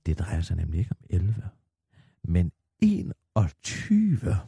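A husky, gossip-hungry middle-aged woman, as a man puts her on for a radio comedy sketch. Her voice swoops from hushed secrets to eager peaks, and it sounds close and dry with no room around it. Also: sits low, huge pitch swings, no room sound, exaggerated voice. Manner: breathless gossiping, dropping to a hush.

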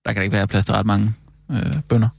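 A man with a Danish accent, a comic radio character who talks haltingly, stammers, and fills gaps with "uh". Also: on the low side, flat delivery, vocal fry, no echo. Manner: hesitant, filler-heavy, stammering. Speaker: comedy radio character on a phone call.

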